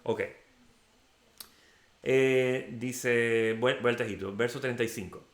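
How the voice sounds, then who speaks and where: A man's voice: mid-range voice, fairly even intonation, takes it slowly, roomy sound. A man leading a verse-by-verse Bible study, reading a passage and then explaining it in a conversational way with frequent "ok"s. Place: church room.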